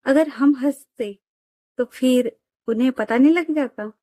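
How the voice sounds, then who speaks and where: A playful young woman who hypes up her best friend, as a female storyteller voices her. She sounds brighter in pitch and louder than the narrating voice. Her delivery is unhurried and the recording is dry. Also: no echo. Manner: playful and admiring.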